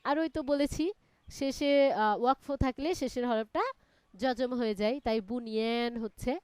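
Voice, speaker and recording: A woman's voice: sits high, normal speed, darkish tone, smooth, no room sound. A woman teaching Quran reading in a live online class, chanting Arabic letters syllable by syllable and explaining recitation rules. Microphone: online class call.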